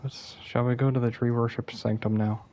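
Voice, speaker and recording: A man's voice: medium pitch, level tone, moderate pace, a little mellow. A young man giving casual, self-deprecating commentary over his gameplay, sounding a bit worn out and apologizing often. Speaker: gaming YouTuber.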